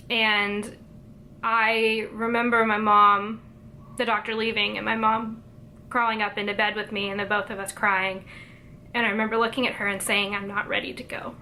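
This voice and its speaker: A young woman telling a personal story to camera, hesitant and emotional, with many pauses and fillers. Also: a little high, sharp tone, a little hiss or hum. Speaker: vlogger.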